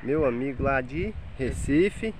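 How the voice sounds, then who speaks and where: A man's voice: medium pitch, lively intonation, slow, poor audio. A man in his thirties giving a cheerful, chatty walking tour of a seaside campground, filmed on a handheld phone. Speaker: travel vlogger. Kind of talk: casual vlog walkthrough. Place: outdoor beachside campground, windy. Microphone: handheld phone camera. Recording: loud wind noise on phone mic.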